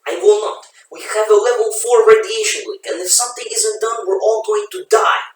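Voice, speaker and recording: A man's voice: on the high side, normal speed, lightly acted. A man voicing a panicking male ship's doctor who speaks anxiously and insistently. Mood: alarmed. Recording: echoey room, voice from a distance.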